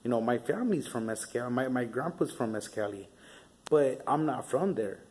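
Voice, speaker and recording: Speaking briskly with an expressive, mid-range voice and a darkish tone, this young man from Southern California tells stories in a casual vlog monologue. He rambles, curses freely, and fills his street talk with fillers.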